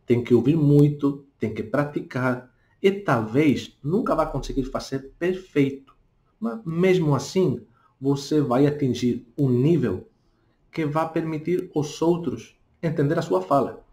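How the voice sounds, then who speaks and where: A man speaking with a Spanish accent, a native Spanish speaker who gives a casual spoken lesson, talking slowly and tagging his points with little questions. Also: on the high side, dark tone. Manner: talks deliberately slowly, tags questions with "não?". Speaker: language teacher.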